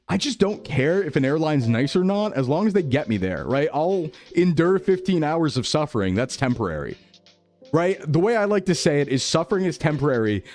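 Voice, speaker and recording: A male VTuber, his voice on the high side and a little mellow, keeps things playful and jokey with his viewers, laughing often. He's heard through livestream headset mic audio.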